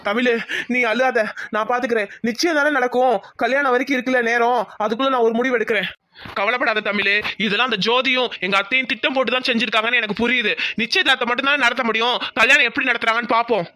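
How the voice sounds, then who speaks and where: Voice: mid-range voice, fairly even intonation, fast talker, pushed and bright, lightly acted. A performer voicing a troubled young village man in a cartoon, hesitant and then reassuring. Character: young village man torn between love and family. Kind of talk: cartoon voice acting.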